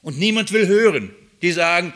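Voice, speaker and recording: A man delivers a sermon in a bright, forceful voice that sits a little high for a man. He reads scripture and then explains it, putting question after question to his listeners. He moves between raised emphasis and soft, low remarks. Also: lively intonation, normal speed. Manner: asks the listeners many rhetorical questions. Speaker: preacher.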